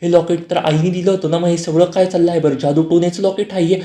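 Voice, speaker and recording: A man's voice: sits high, flat delivery, fast talker, warm tone, natural voice. A man voicing a shocked, angry woman who asks accusing questions in a recap. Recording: roomy echo.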